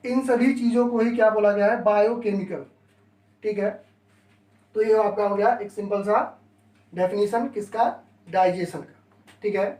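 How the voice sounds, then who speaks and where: A man's voice: high-pitched, steady tone, moderate pace, pauses often, darkish tone. A man teaching a biology lesson, explaining step by step and mixing English terms into Hindi. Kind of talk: classroom lecture. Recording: echoey room, voice from a distance.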